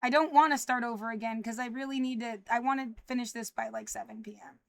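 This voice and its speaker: An anxious woman in her mid-thirties talks straight into her phone or webcam in a rambling livestream, stopping and restarting often. Her voice sits a little high. The sound is close and dry, with no room behind it. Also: big pitch swings, fast, dry recording. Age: 30s. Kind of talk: livestreamed personal monologue.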